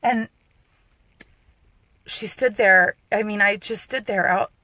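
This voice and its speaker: A doula telling a personal birth story, her voice emotional and close to tears, halting with frequent restarts. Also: medium pitch, pushed and bright, no echo, poor audio.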